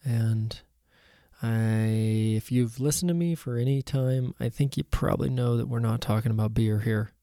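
A man's voice: mid-range voice, moderate pace, gravelly, mellow, no echo, studio quality. A man with a slightly froggy, throaty voice hosting a solo podcast in a casual, musing way. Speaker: podcast host.

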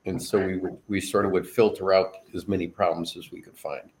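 A man with a low voice explains technical details in a casual way. He is halting and keeps repeating words as he looks for the right term. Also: level tone, a little mellow, slight background noise. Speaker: guest panelist.

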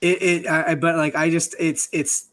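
A man's voice: fairly high pitch, little pitch movement, moderate pace, a bit bright. Rambling man in his thirties. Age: 30s. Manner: rambling, hesitant, with many restarts. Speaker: podcast co-host. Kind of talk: casual group chat.

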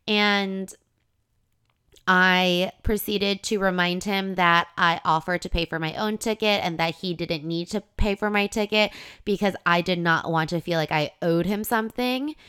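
A woman's voice: lowish voice, measured pace, a bit bright, clean tone. A young adult woman hosting a podcast, telling a personal dating story in a candid, casual way with some swearing. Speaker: podcast host.

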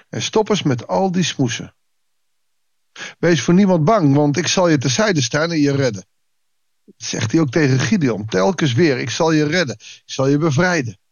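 Male pastor, devotional host; slightly high voice, animated, dry close sound. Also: no echo. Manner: lively, voices excuses in quotes. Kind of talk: daily Bible devotional talk.

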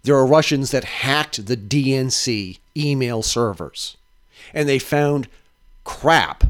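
Dude ranting about the news, swears a lot, sarcastic, voice jumps up and down. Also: male voice, mid-range voice, animated, slow pace. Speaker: podcast host. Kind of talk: casual news commentary.

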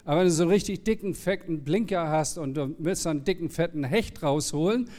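Man, high-pitched voice, casual preacher, chatty sermon, everyday examples. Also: fast talker, darkish tone. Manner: casual, anecdotal, explains plainly with everyday examples. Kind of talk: conversational sermon.

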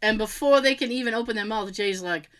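A woman's voice: on the high side, fairly quick. A woman in her forties co-hosting a podcast, chatting casually and telling stories with frequent laughter. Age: 40s. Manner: animated storyteller, laughs often. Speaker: podcast co-host. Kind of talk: casual chat.

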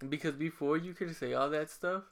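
A man's voice: a little high, a little fast, vocal fry. A man hosting a casual podcast chat, teasing his guest and laughing often. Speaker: podcast host and producer.

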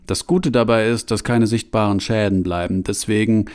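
A man with a low voice reading a male museum guide who cheerfully lectures on torture devices. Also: steady tone, normal speed, darkish tone, clear, resonant tone, natural voice. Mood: relishing. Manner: cheerful, lecturing, relishing detail. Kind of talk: audiobook reading.

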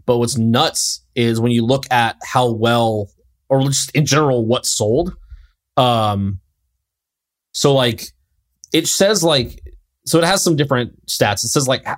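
A young man chatting casually on a podcast, rambling through his points with plenty of fillers. His voice sits at an ordinary middle pitch. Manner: loose and chatty, lots of fillers. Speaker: podcast co-host. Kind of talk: casual chat.

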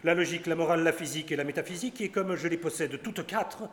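An actor with a fairly high, natural-sounding voice rattles along fast as a pompous doctor in a classic stage comedy. The braggart lectures, enumerates his points and parades his Latin, with the echoey hall adding long reverb.

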